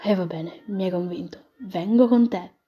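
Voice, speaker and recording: A woman's voice: mid-range voice, moderate pace, lightly acted. Woman reading a smitten young captain. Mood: eager. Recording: dull lo-fi recording.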